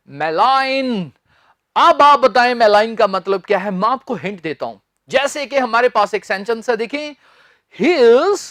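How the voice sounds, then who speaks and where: A man teaching a spoken-English lesson, spelling words letter by letter and having students repeat them in an emphatic, drawn-out way. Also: very high voice, a bit bright, no echo, studio quality.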